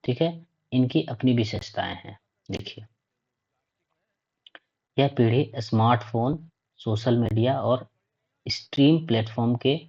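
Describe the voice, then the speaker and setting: In a dull, lo-fi classroom recording, a man with a darkish, mid-range voice teaches a lesson. He reads each point aloud before explaining it and keeps checking in with 'ठीक है' ("okay").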